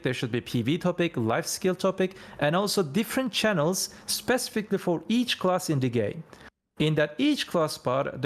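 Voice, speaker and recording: A man speaking non-native, accented English, giving emphatic, repetitive opinions off the cuff in a group call. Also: on the high side. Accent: foreign-accented English. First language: not English. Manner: emphatic, repeats points for stress. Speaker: veteran gamer on a discussion panel.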